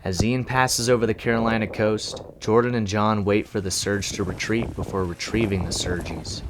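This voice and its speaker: A man's voice: on the low side, fairly even intonation, normal speed, noisy background. A man reading scripted narration as the narrator of a documentary.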